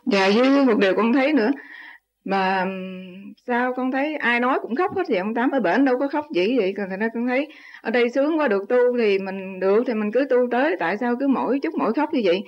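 A woman's voice: fairly high pitch, lively intonation, brisk. Deferential woman asking questions, lo-fi sound. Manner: deferential, hesitant, many polite affirmations. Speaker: meditation student asking questions. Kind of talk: polite questioning, respectful address. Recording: dull lo-fi recording.

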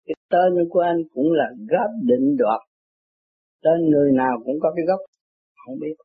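Husky older man. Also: moderate pace, dry recording. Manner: animated, laughs often, jumps high when quoting others. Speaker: self-styled teacher telling anecdotes. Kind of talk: rambling casual storytelling. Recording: tinny phone-like dry recording.

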